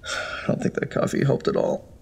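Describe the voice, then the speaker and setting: In an audio horror drama, a male actor plays an anxious, overworked architect who mutters to himself in short, halting phrases with a panicky mood and light acting. A little hiss or hum is audible in the recording.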